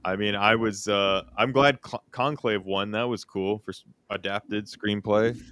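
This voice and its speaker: A man chatting casually as a guest on a comedy show, relaxed and offhand. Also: lowish voice, measured pace, clean tone, no room sound.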